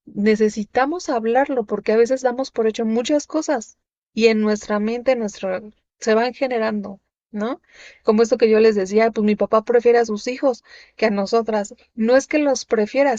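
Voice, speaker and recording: A woman speaks in a fairly high voice, giving a faith-based parenting talk. Her delivery is loose and chatty, full of tag questions and fillers. The recording is slightly muffled and very dry. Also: a little mellow, no echo. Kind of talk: church parenting talk with personal testimony.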